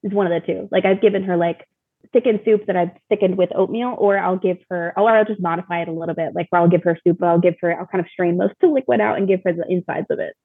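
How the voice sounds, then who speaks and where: Over thin, phone-quality call audio, a woman chats casually as an interview guest, talking about her own experience as the mother of a young child with a self-deprecating touch. Her voice is fairly low, slightly rough, and quick.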